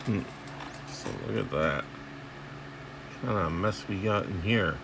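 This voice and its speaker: A man hosting a radio repair video gives casual, rambling commentary while inspecting equipment, thinking aloud in informal, salty language. His voice is low-pitched and unhurried with vocal fry, against a noisy background.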